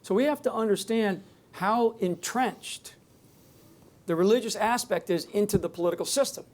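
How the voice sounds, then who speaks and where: Speaking off the cuff from a stage, a public speaker on security rambles emphatically to a live audience, often restarting his sentences. His voice is high-pitched and darkish, at a normal speed.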